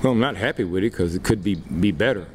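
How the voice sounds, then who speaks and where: At a post-game press conference, a middle-aged baseball manager fields reporters' questions through a desk microphone. His low, expressive male voice is plain-spoken and unhurried, full of fillers, with background noise behind him.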